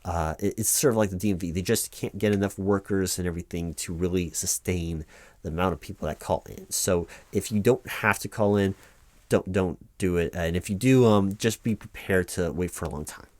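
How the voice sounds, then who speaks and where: Acting as an office paperwork helper for workers' compensation claims, a low-voiced man reads forms aloud in a loud-spoken ASMR roleplay, a little fast and a little mellow. He rambles reassuringly through ad-libbed asides, hesitating and stammering repeats, in a natural voice with no echo.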